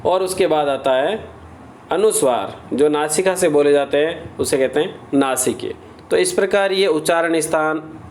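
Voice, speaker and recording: A man teaching a grammar lesson at a slow, deliberate pace. His voice sits a little high, and he recites letter lists in a steady drill, posing questions and answering them himself. A faint hiss of noise runs under the recording.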